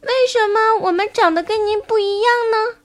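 Eager little tadpoles in a storybook, calling out in very high, bright childlike voices, as a woman puts them on. They sound small, young and full of hope as they search. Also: moderate pace.

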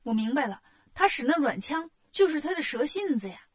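A woman voicing a bold, clever male monkey king in a children's storybook reading, talking in a brisk, commanding way. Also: high voice, sing-song, no room sound, studio quality.

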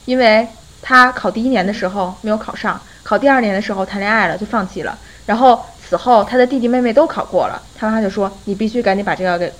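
A woman's voice: fairly high pitch, low-quality recording. A young adult woman hosting a podcast, telling a friend's story in a casual chat and often breaking into laughter. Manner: lively, often breaks into laughter while retelling. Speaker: podcast host.

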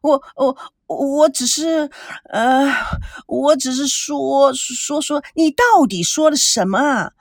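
A woman's voice: high voice, slow, dry recording, clean studio sound, pitched above the performer's own voice. A woman voicing a jealous, guilty woman who stammers, whines and pleads in an audiobook. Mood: whiny, evasive. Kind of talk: audiobook character reading.

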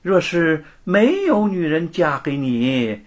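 A man voicing a gloating, sneering young rich lord who taunts and cackles in a high, shrill voice. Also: huge pitch swings, slow pace, a bit bright, slightly rough, exaggerated voice. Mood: scornful.

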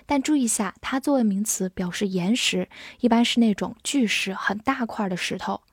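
A woman teaching English vocabulary, who spells words letter by letter and reads example sentences slowly. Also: medium pitch, husky, dry recording, studio quality. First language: Chinese. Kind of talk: slow, clear vocabulary lesson.

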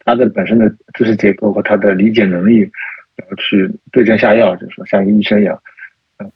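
Man, podcast guest, hesitant, lots of fillers, lower voice, dry dull recording. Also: lively intonation, fast, vocal fry, husky, no echo. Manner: hesitant, many fillers and restarts. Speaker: guest, type researcher. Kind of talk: casual podcast conversation. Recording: dull lo-fi sound.

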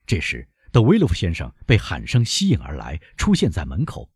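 A man narrating an audiobook in an expressive, dramatic way. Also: deep voice, fairly quick, vocal fry, slightly rough, dry recording, clean studio sound.

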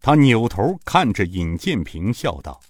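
Lively-voiced male audiobook narrator. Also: on the low side, measured pace, husky, no room sound. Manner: expressive storytelling delivery. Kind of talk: audiobook narration of a martial-arts novel.

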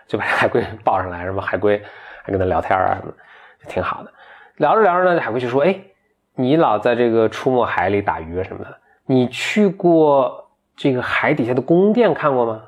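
Retelling a folk tale to a friend, this storyteller speaks briskly in a mid-range voice with big pitch swings. He keeps it chatty, gives the characters light voices and laughs along.

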